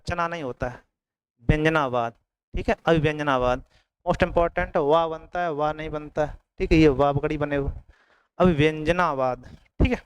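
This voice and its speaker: A man's voice: on the high side, clean tone, no room sound, poor audio. A man teaching an exam coaching lesson, repeating each word and often checking in with his students.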